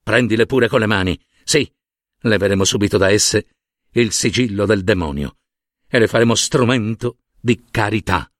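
A man's voice: on the low side, normal speed, dry recording, voice pushed down, natural voice. A man voicing a sanctimonious, greedy old monsignor who fusses, preaches and wheedles. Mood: coaxing. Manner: fussy, wheedling, preachy, with soft asides. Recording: dry close studio sound.

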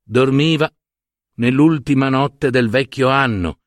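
A man's voice: medium pitch, slow pace, no echo, clean studio sound. A man narrating a fairy tale in a dramatic, lingering way, stretching and emphasizing words. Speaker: storyteller and podcast host. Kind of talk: expressive storybook narration.

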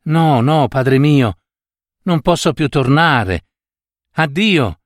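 A man voicing a tender young girl in a storybook reading, raising his voice to sound high and pleading. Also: animated, slow, dry recording, studio quality. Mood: emotional farewell. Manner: pleading, raised pitch, cries out.

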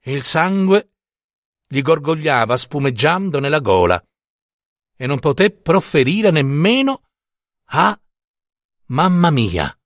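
A man's voice: on the high side, very animated, a little slow, no echo, clean studio sound. A man narrating a classic short story in a dramatic, theatrical reading.

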